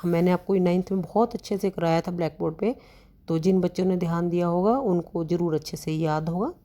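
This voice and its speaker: A woman teaching a grammar lesson to students, explaining slowly and asking questions she then answers herself. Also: lowish voice, warm tone. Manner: slow, explanatory, asks questions and answers them; addresses students as beta.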